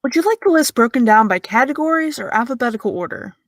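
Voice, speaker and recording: A woman acts Eve, a sardonic young American in early adulthood, in a slightly high voice at a quick pace. The audio drama dialogue is sarcastic and cutting, with a dry, teasing deadpan.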